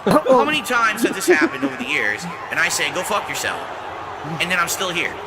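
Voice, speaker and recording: A man's voice: high-pitched, huge pitch swings, a little fast. A man on an angry, profane rant, combative and firing off repeated rhetorical questions. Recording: noisy clip, loud music and crowd.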